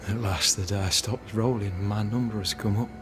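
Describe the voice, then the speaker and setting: A man's voice: on the low side, fairly even intonation, moderate pace, noisy background, natural voice. A man playing a self-righteous military captain in a video game, stern, formal and defiant. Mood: stern, bitter. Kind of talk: dramatic video game acting.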